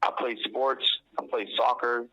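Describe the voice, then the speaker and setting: A man's voice: medium pitch, fairly even intonation, measured pace, vocal fry, lo-fi sound. A young man from Barbados, a guest talking casually in an interview, earnest and often restarting his sentences. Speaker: guest calling in from prison.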